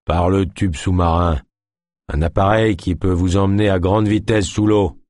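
A man voicing a calm, fearless caged man who speaks with resignation. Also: low-pitched, moderate pace, dry recording, studio quality, lightly acted. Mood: resigned.

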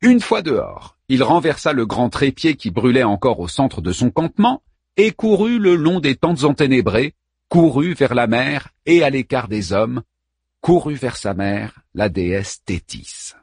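A man narrating an epic tale in dramatic, expressive audiobook style. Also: medium pitch, normal speed, husky, dry recording, clean studio sound.

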